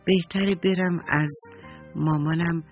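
A man voicing an earnest young girl in a children's story, speaking softly and sincerely. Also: on the high side, fairly even intonation, highs cut off, music in the background, natural voice. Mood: remorseful. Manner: earnest, soft.

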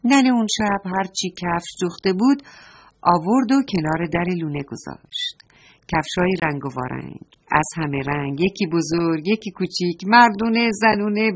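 Expressive woman telling a kids' story. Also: on the low side, slightly rough. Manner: warm, affectionate to children, slow and expressive. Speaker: children's storyteller. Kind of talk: storytelling for children.

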